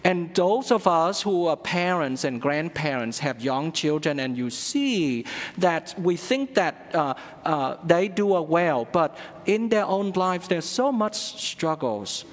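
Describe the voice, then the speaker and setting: Man, priest, sermon, slow halting speech, many fillers, slightly high voice, echoing church hall. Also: big pitch swings. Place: large church sanctuary at the altar. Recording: long church reverb.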